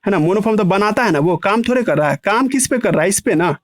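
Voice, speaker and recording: A man teaching a biology class online, in the style of a lecture. He keeps asking "है ना" and stretches key terms out slowly, word by word. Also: sits high, animated, dry recording, studio quality. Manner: breaks terms into slow emphatic chunks.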